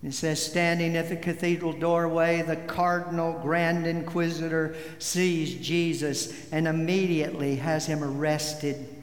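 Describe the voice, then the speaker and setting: A man preaching a sermon as pastor, slow and deliberate, leaning hard on key words. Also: fairly high pitch, flat delivery. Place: church sanctuary. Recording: echoey hall with long reverb.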